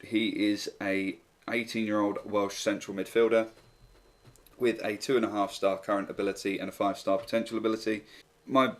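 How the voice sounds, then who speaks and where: A man narrating a football management video game, calmly going through his team's signings in a steady, matter-of-fact way. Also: lowish voice. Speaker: gaming YouTuber. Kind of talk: game commentary walkthrough.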